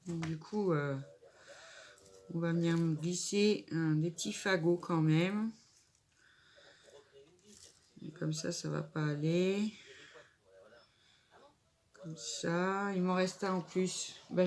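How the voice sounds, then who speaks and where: In this casual crafting tutorial, a woman with a congested, nasal voice from a cold makes a table decoration while thinking out loud. Her lowish, slightly mellow voice keeps a fairly even intonation, moving a little slowly with frequent pauses.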